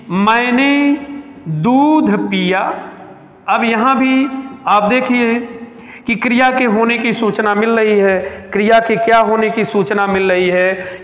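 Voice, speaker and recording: A man teaching a grammar lesson at a coaching centre, going slowly and repeating key terms with rising and falling pitch. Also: a bit bright. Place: coaching classroom. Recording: echoey room with long reverb.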